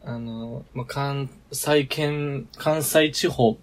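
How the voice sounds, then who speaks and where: A man's voice: medium pitch, steady tone, extremely slow. A man with a Kansai accent, a podcast co-host, telling a story in casual chat and laughing often. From Kyoto Prefecture.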